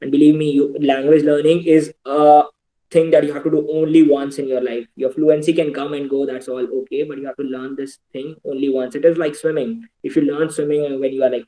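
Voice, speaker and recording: A mellow-voiced Indian man with a mid-range voice and an Indian English accent gives advice to students as a guest speaker in an online talk. He's earnest and advising, switching into Hindi asides. The recording is rough.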